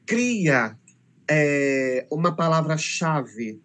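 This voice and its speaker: A man's voice: a little high, big pitch swings, very slow, fairly bright tone. A middle-aged Brazilian man telling emotional stories about teaching children in a casual conversation, acting out their voices. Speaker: teacher, interview guest.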